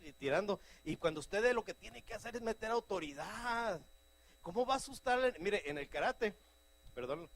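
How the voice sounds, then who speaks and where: A middle-aged man preaching a fervent sermon, telling stories and breaking into loud shouts. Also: a little high, poor audio. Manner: fervent, shouting bursts, anecdotal.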